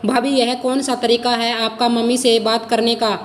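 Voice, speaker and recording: A woman's voice: a little high, flat delivery, moderate pace, in a large hall, a little hiss or hum, close to an everyday voice. A woman voicing a bitter, quarrelsome married daughter in a storybook reading, with a complaining, indignant manner.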